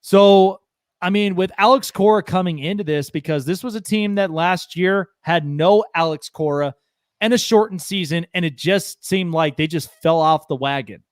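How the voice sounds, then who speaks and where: Co-host, man, slightly high voice, rambling and enthusiastic, dry close mic. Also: normal speed, no echo. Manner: rambling, many restarts and fillers, enthusiastic. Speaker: podcast co-host. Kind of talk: casual sports chat.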